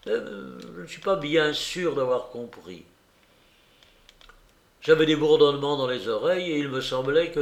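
A man narrating a literary story aloud in a measured, expressive reading. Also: fairly high pitch, roomy sound. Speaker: audiobook narrator.

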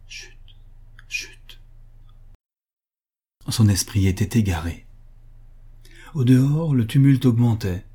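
Grave and measured, a male narrator reads a story for an audiobook. His husky, breathy voice sits low and dark, and he holds an even, serious delivery throughout.

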